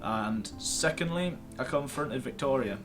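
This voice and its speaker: Music plays in the background as this gaming series host talks to camera from his computer indoors. He is animated and measured, with a mid-range voice, and his commentary is casual, rambling, self-deprecating and a bit sweary.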